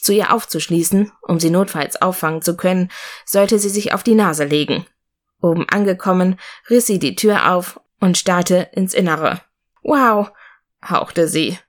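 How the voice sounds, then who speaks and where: Woman narrator, audiobook, steady even reading, lowish pitch. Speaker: audiobook reader. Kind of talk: scripted narration.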